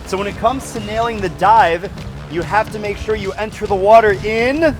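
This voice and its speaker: High-pitched male swim coach over music. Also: normal speed. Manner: instructional, projecting to an outdoor group. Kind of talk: coaching demonstration to a group. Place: outdoor swimming pool deck. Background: background music.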